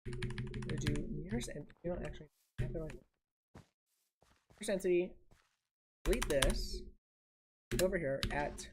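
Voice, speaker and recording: A woman's voice: low-pitched, normal speed, long pauses, background noise. A woman streaming a building game, casually thinking aloud and muttering each step to herself. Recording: audible keyboard typing and clicks.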